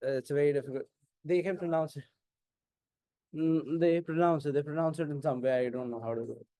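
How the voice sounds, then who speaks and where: A man with an Indian English accent teaching an exam-prep class, mixing Hindi and English and often asking whether it is clear. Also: fairly high pitch, extremely slow, warm tone, no room sound. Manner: keeps asking "is it clear?", questions and answers his own prompts.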